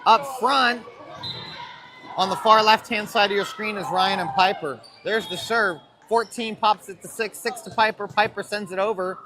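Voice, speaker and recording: A man's voice: high-pitched, normal speed, crowd noise. A man doing casual, chatty play-by-play commentary for a school volleyball match, calling players by name and number. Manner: chatty, cheerful, calls plays by player names and numbers. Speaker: play-by-play announcer for a high school volleyball stream. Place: school gym. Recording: noisy gym audio.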